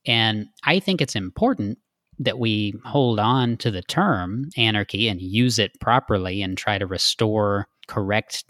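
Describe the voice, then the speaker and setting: A man's voice: fairly low pitch, bright, forceful tone, no echo, studio quality. A man from Texas, a guest in a casual interview, explaining earnestly with frequent fillers.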